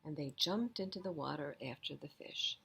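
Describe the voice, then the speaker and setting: This library storytime reader has a low voice with vocal fry and speaks at normal speed. Reading a picture book to kids, she describes the illustrations and offers soft asides to her young audience, over slight background noise.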